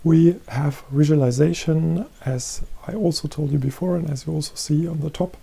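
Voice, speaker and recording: A middle-aged man giving a recorded presentation as head of a research chair, explaining calmly and repeating himself. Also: fairly high pitch, normal speed, gravelly, husky. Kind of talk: presentation lecture. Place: green-screen studio.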